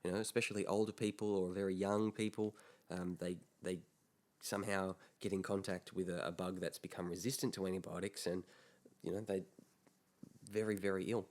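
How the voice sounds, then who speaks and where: A man's voice: deep voice, flat delivery, brisk, a little mellow. A man co-hosting a podcast, casually explaining health topics and sometimes dropping into mock voices. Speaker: podcast co-host.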